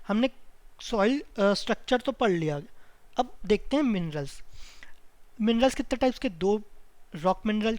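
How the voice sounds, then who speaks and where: A man tutoring for an exam, who asks himself quick questions, answers them and repeats key terms, with English phrases mixed in. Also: high-pitched, no room sound. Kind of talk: explanatory lecture over slides.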